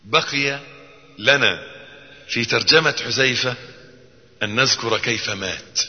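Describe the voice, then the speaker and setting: A man preaching a sermon in an Egyptian Arabic accent, swinging between hushed low passages and loud, high, drawn-out emotional outbursts. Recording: long reverb hall, dull lo-fi sound.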